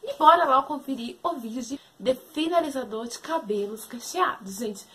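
A young Brazilian beauty vlogger walks through a hair tutorial from her small bedroom with shelves, talking to the camera the whole time in a chatty way and constantly saying "gente" and "meninas." Her voice sits high and is fairly bright, with lively intonation and normal speed. A little hiss or hum is present.

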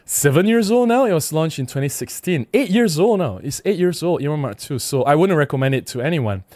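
Chatty man hosting a livestream, higher voice. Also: lively intonation, quick pace, darkish tone, no room sound. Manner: chatty, reads comments aloud, frequent "right?" and laughs. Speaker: photography livestream host. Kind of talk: casual livestream chat reading viewer comments.

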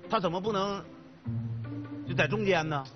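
A man's voice: high-pitched, moderate pace, over music, close to an everyday voice. A man with a Northeastern Mandarin accent playing a blustering customer demanding a refund in a comedy sketch. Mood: indignant. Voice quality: blustering, bossy. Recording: slightly muffled broadcast audio.

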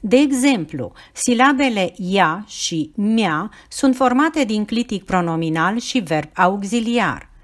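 A woman's voice: medium pitch, lively intonation. Woman reading a grammar lesson. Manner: clear, measured, explanatory delivery. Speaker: teacher. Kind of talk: scripted lesson narration.

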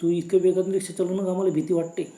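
Woman doing a scared pleading husband, anxious, warm dark voice, roomy echo. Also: on the low side, flat delivery, rapid-fire, lightly acted.

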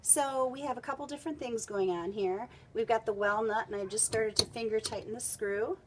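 A woman giving a step-by-step product installation demonstration, explaining clearly as she works with tools beside a kayak. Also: on the high side, steady tone, brisk, a little hiss or hum. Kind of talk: instructional how-to demonstration.

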